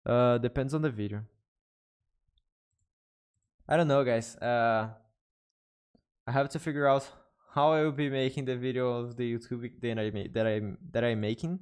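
A young Brazilian man, a native Portuguese speaker with a Brazilian Portuguese accent, chats casually in hesitant English with live stream viewers from his bedroom setup, often correcting himself. His mid-range voice is darkish, clear and resonant, at a moderate pace with frequent pauses. He uses a desk studio mic and headphones.

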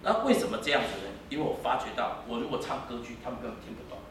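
A man in his fifties from Taiwan with a Taiwanese Mandarin accent, preaching an animated sermon and telling stories that slip into Taiwanese. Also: medium pitch, racing, slight background noise. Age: 50s. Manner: animated, switches into Taiwanese, sings snatches. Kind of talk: sermon with storytelling and singing. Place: church hall. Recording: echoey hall, mic from a distance.

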